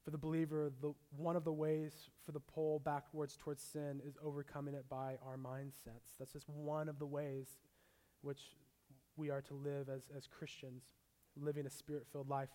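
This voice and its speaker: A young man preaching a sermon as a pastor, mixing scripture with a relaxed personal story. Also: on the high side, moderate pace.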